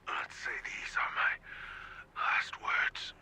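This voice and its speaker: An actor playing a dying male agent who whispers his last words into a tape recorder, halting and hushed. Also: heavily acted, low-quality recording. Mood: weary. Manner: hushed, halting, growing fervent. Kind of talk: whispered role-play.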